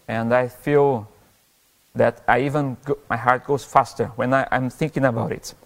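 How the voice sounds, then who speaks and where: Earnest male pastor in a reverberant hall. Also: fairly high pitch. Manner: earnest, halting with restarts and self-corrections. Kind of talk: sermon. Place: church.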